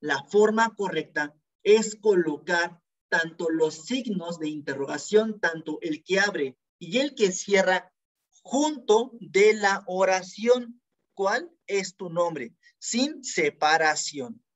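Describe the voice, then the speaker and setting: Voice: mid-range voice, animated, slow. A teacher giving a scripted grammar lesson, explaining each rule with worked examples and repeating it.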